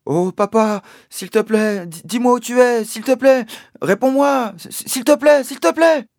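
A man's voice: very high voice, a little slow, gravelly, a little mellow, no room sound, studio quality, voice pushed up, full character voice. A man voicing a frightened young boy who calls desperately for his father, his voice breaking. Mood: tearful pleading.

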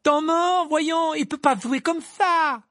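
A man voicing an agitated, hot-tempered teenage boy in an audiobook, shouting indignant outbursts. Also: extremely high pitch, takes it slowly, dry recording, studio quality, pitched above the performer's own voice, exaggerated voice.

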